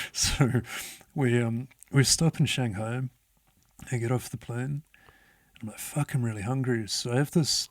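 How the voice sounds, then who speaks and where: As an interview guest, a man tells a story in a laid-back, casual way, swearing often and laughing as he goes. His voice is medium-pitched with no echo.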